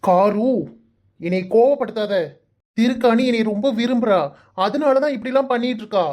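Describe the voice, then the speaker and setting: A woman's voice: on the high side, normal speed, warm tone, natural voice. A woman voicing a teasing, exasperated young man in a cartoon, with a Kanyakumari Tamil accent, coaxing and playfully scolding. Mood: pleading. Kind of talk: cartoon voice acting.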